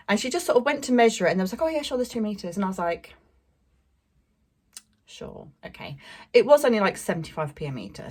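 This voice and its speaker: A woman's voice: medium pitch, husky. A young woman chatting casually about fabric she bought, rambling with lots of fillers and little laughs. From England. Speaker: sewing vlogger. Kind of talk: casual fabric haul chat.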